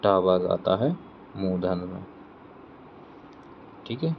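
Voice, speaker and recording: A man's voice: deep voice, slow pace, creaky. A man teaching an exam-prep Hindi grammar lesson, who reads each question aloud, repeats it, and then answers it himself step by step. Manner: explains step by step, checking in with "theek hai". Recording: dull lo-fi sound with faint vehicle noise.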